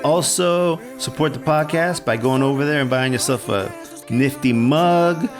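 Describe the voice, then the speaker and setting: Man in his 40s, podcast host, laid-back, slangy, mid-pitched, music playing behind. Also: measured pace. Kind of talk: casual podcast chat.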